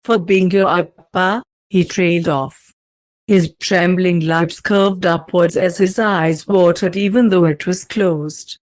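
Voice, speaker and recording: A woman narrating a fanfiction story aloud in a steady, even storytelling manner. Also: lowish voice, takes it slowly, no room sound.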